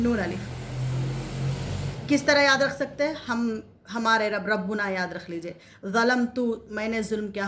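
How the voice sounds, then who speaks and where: A woman's voice: on the high side, fairly bright tone. A woman teacher walks learners through Arabic verb endings. She drills each form several times and asks rhetorical questions as she explains. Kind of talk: explanatory lesson.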